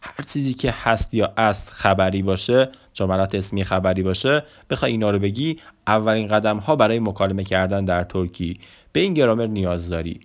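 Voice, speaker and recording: A man who speaks as his teaches a Turkish grammar lesson, often saying "look" and slowing down to pronounce the example sentences. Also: on the low side. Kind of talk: explanatory language lesson.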